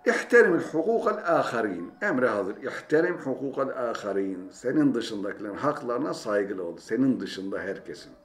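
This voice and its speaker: A man's voice: medium pitch, sing-song, normal speed, hardly any pauses. A man teaching a language lesson, saying each phrase twice and then translating it. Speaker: Arabic teacher. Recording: roomy echo, faint ambience.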